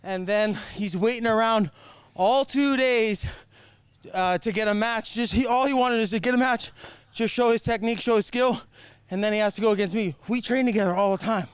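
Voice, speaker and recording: Breathless male athlete, high and enthusiastic. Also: normal speed, clear, resonant tone, dry recording. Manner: enthusiastic, hyping up his opponent.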